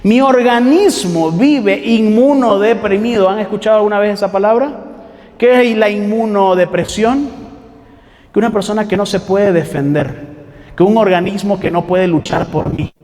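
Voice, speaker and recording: High-voiced preacher in echoing hall. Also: male voice, normal speed, a little mellow. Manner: conversational, rhetorical questions, mock-quoting people. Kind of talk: sermon.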